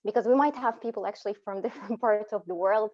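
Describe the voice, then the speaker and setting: A woman's voice: medium pitch, fast. A woman in her thirties from Egypt, an Arabic speaker, who talks casually and encouragingly as an online English teacher. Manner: relaxed, encouraging, laughs often between phrases. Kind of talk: casual online class talk. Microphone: phone on a video call. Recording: dull lo-fi video call audio.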